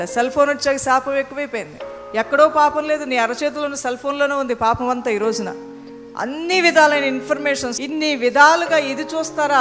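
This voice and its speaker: Woman preacher, sermon, rhetorical questions, soft music underneath. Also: sits high. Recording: long hall reverb, faint music.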